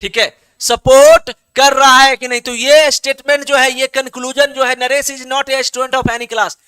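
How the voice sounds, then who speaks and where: A man with a very high, bright, clear voice teaching an online exam-prep class. He reads students' answers aloud, coaxes them to reply, and keeps checking they follow. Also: level tone, measured pace. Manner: coaxing, repetitive, checks understanding often.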